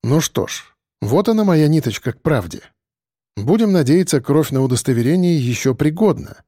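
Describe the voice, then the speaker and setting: A man reading a first-person story aloud in an expressive, wry way. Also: fairly high pitch, moderate pace, dry recording, studio quality. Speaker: audiobook narrator. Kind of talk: first-person scripted narration.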